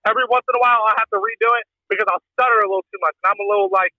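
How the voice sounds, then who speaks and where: A man's voice: sits high, fairly even intonation, very fast, no echo, lo-fi sound. A man telling profane, joking stories in a rambling casual chat as a podcast guest. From Pennsylvania.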